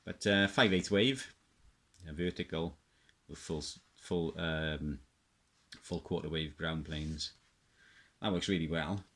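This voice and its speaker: A middle-aged man with a South Welsh accent speaks in a bass voice at a slow pace, his tone fairly bright. He's a radio hobbyist giving an unscripted show-and-tell, hesitant and rambling as he reminisces.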